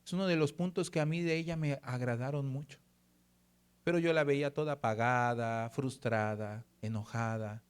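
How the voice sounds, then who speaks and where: Earnest pastor preaching. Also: male voice, mid-range voice, smooth. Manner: earnest, slows and softens for scripture verses. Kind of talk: sermon with personal testimony.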